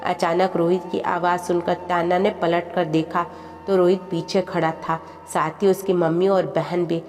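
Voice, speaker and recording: A woman narrating a family moral tale in a steady, plain storytelling manner, then asking listeners to comment and subscribe. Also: fairly low pitch, moderate pace. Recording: long reverb with background music.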